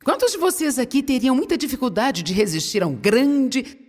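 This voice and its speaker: Brazilian woman preacher, high lively voice, husky, long hall reverb, playful sermon. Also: normal speed. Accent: Brazilian Portuguese. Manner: animated, playful, addresses the audience. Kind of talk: sermon, humorous storytelling.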